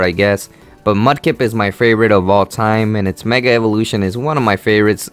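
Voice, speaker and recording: A man's voice: on the low side, a bit bright, smooth. An eighteen-year-old man from Honduras hosting a casual Q&A vlog, rambling with lots of fillers and an easygoing manner. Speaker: gaming channel host.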